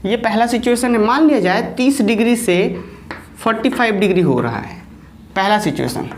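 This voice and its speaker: Woman teacher, Jharkhand Hindi accent, fairly high voice, faint background noise. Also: animated, moderate pace. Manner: explains step by step, often checks understanding. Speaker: maths teacher. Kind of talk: online class lecture.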